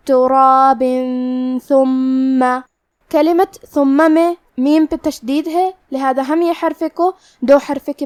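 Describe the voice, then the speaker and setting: A woman teaching Quran recitation rules, explaining each word calmly and methodically, then reciting it slowly and drawn out. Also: high-pitched.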